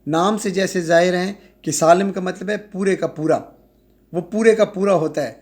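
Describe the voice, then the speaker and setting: A man teaching an Arabic grammar lecture, slowly drawing out and repeating example words and often checking that students follow. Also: high voice, a little mellow. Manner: slow, drawn-out repetition of example words; checks in with "ٹھیک ہے؟".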